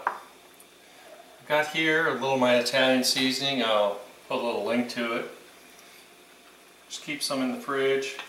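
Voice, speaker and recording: A roomy, slightly distant recording of a man in his sixties in a home kitchen, with faint noise around him. He talks casually and off the cuff as he cooks, in a mid-pitched voice, like a host walking viewers through a recipe. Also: bright, forceful tone. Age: 60s. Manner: informal, unscripted, talking while cooking. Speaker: home cooking channel host. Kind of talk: casual cooking demonstration. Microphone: camera a few meters away.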